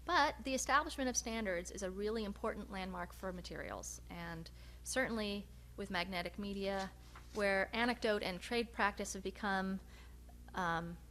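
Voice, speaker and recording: A female researcher presents her work in a measured, hesitant manner, pausing often. Her voice sits in the mid range with a fairly bright tone, and the recording carries noticeable hum and background noise.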